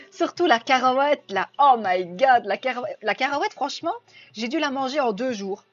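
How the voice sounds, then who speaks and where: A woman's voice: fairly high pitch, normal speed. Chatty Belgian woman on a live stream. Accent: Belgian French. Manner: chatty, reads viewer comments aloud and answers them. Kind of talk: casual live-stream chat. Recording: dull lo-fi sound with faint music.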